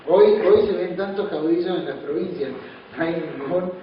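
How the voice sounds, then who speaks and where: A man's voice: high voice, normal speed. An Argentine man putting informal questions as an interviewer. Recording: very echoey, distant, muffled, noisy.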